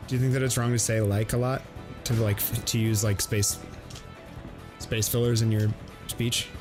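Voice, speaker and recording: A man's voice: mid-range voice, steady tone, normal speed. A man casually chatting while playing a video game, rambling and filling his speech with "like". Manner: rambling, heavy use of "like" fillers. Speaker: let's play host. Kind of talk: casual gameplay banter. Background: game music.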